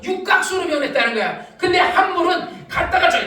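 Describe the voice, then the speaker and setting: High, bright-voiced preacher in an echoey room. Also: male voice, a little fast, far from the mic. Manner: animated, laughing while preaching, often shouting. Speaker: pastor. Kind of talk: sermon.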